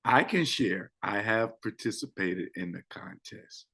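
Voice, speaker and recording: This public speaking coach and co-host talks a little slowly in a lowish, creaky voice during casual talk-show chat. He's animated, repeating phrases to stress them and shifting his volume up and down for effect.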